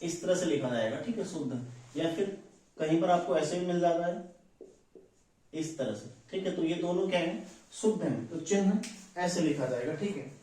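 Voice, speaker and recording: A man's voice: a little high, expressive, normal speed, mellow. A man from teaching an exam-prep lesson, explaining each answer step by step and often checking in with his listeners. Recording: very echoey, distant from the mic.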